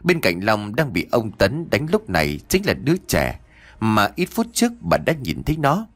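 A man reads a ghost story aloud, his pitch rising and falling with lively swings. The sound is dry and close, with no room around it. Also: normal speed, no room sound. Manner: voices every character in quoted lines. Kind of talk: scripted horror story narration.

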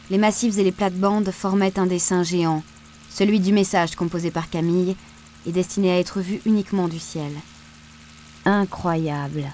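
A woman with a fairly low voice narrates a novel at a measured, unhurried pace. Her reading stays even and steady from line to line. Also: slight background noise. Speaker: audiobook narrator. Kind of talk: scripted narration.

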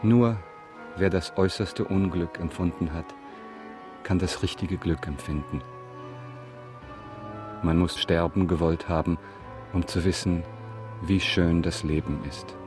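An actor playing a grave, courteous, mysterious count in a German radio drama, speaking formally and with measured solemnity. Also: male voice, low-pitched. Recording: music behind the voice.

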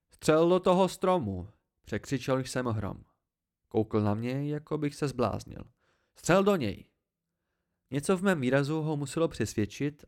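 A man reads an amateur audiobook in a gravelly voice pitched in the middle of the male range. He narrates steadily, then raises his voice to shout out the dialogue. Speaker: audiobook reader.

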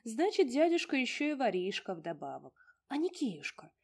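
A woman playing a curious young woman full of questions, her voice lively and rising with wonder. A husky edge runs through this storybook heroine. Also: fairly high pitch, moderate pace, pitched above the performer's own voice. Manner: inquisitive, wondering. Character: curious young woman, puzzled new shop owner.

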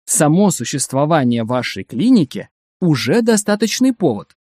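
A man voicing a smug, brisk male biographer in a story reading, lifting his pitch a little. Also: very animated, a little mellow, no echo, clean studio sound. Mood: persuasive. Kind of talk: audiobook character reading.

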